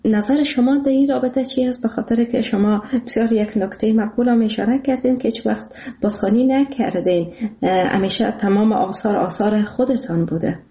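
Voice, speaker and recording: A woman's voice: fairly high pitch, steady tone, dark tone, roomy sound, muffled recording. Polite female radio host with an Afghan Dari accent. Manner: polite and respectful, with hesitations. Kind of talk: radio interview.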